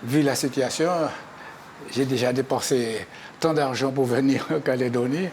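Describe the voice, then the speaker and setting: An older man giving personal testimony in halting, short phrases. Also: medium pitch, fairly even intonation, a little mellow. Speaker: interviewee, former factory worker. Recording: clearly noisy location sound.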